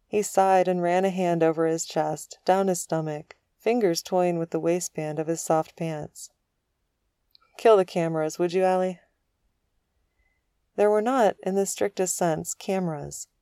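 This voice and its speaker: A woman narrating an audiobook in a calm, even storytelling manner. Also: lowish voice, no echo, clean studio sound.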